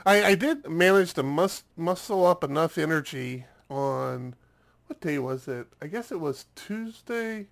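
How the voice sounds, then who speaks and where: Fairly high and gravelly, his voice has lively intonation and an unhurried pace. He's a U.S. podcast co-host recovering from a cold, still stuffed up, chatting casually and rambling with repeated words as he starts over.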